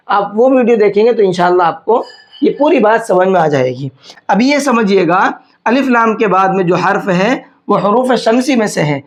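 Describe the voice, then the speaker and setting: A man teaching a tajweed lesson, patiently asking himself questions and then answering them, and slowing down to draw out words as he demonstrates. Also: sits high. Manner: slows down to demonstrate words drawn out. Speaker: Quran teacher. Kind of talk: tajweed lesson explaining pronunciation.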